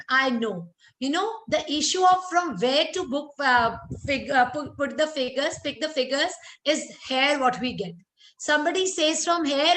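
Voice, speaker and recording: High-pitched North Indian woman lecturing, roomy echo. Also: fairly bright tone. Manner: interactive, addresses listeners directly, mixes Hindi into English. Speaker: lecturer, chartered accountant. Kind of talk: webinar lecture to professionals. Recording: roomy echo, clear background noise.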